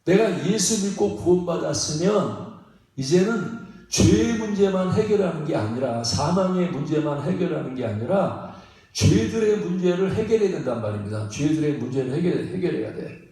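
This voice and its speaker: A man's voice: on the high side, expressive, moderate pace, mellow. A man preaching a sermon as pastor in a folksy, repetitive way, chuckling between phrases and often prodding the congregation for a reply. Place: church sanctuary. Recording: very echoey hall, mic at a distance.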